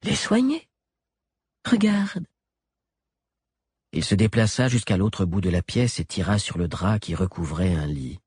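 A man narrating an audiobook with an expressive, dramatic delivery. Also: low voice, normal speed, few pauses, husky, dry recording, studio quality.

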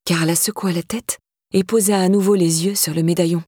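Woman, audiobook narration, husky voice, measured pace, dry close recording. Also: on the low side, fairly even intonation, dark tone, dry recording. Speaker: audiobook reader.

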